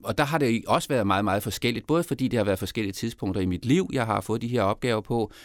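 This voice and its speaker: A middle-aged Copenhagen-accented man from Denmark, a candidate for mayor, gives a podcast interview full of fillers and restarts. His voice sits on the low side, captured in a dry, studio-quality recording.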